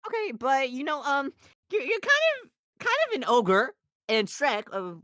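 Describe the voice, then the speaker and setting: A woman's voice: sits high, sing-song, a little slow, a bit bright, no echo, studio quality, heavily acted. A woman voicing a jittery, talkative male donkey who stammers and rambles in an amateur fan dub. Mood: fumbling.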